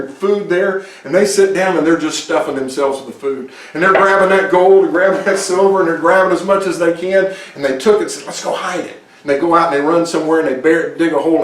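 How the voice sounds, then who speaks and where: A man preaching a sermon, retelling a Bible story in a folksy way with chuckling asides. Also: on the high side. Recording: echoey room, distant mic.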